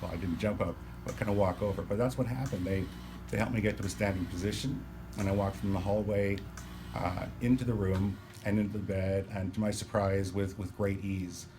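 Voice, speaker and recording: A man talking casually to camera in a halting, explanatory way, sounding weak and dry-mouthed as he recovers from surgery. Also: fairly low pitch, steady tone. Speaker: patient recording a personal video diary. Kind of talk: casual spoken vlog, explanatory. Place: hospital room. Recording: noticeable background room noise.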